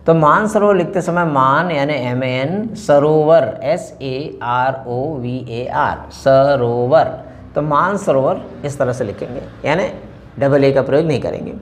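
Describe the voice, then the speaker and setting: A man with an Indian accent explaining a language lesson slowly, with frequent hesitations. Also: on the high side, slight background noise. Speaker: teacher.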